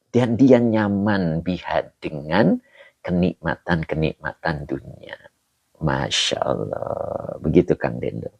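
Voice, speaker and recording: A middle-aged man teaching an Arabic religious text on a livestream, reading viewers' comments and joking with them in a relaxed way. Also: very deep voice, gravelly, husky, dry recording, dull audio. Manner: reads comments, jokes with viewers. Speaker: kitab teacher. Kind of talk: live-streamed kitab lesson. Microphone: phone or camera on a stand.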